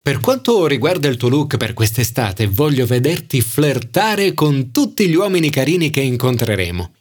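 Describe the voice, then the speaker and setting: A man voicing an anxious, flamboyant male friend who climbs into shrill high cries and turns bossy, in an audiobook. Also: big pitch swings, normal speed, slightly rough.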